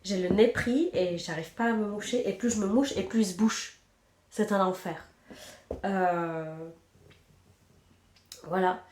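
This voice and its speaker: A knitting podcast host in her thirties, stuffy-nosed from a cold, chats casually and pokes fun at herself as she knits at home, trailing off while counting stitches. Her mid-range voice has a darkish tone, unhurried with long pauses. The recording is reverberant, with slight background noise.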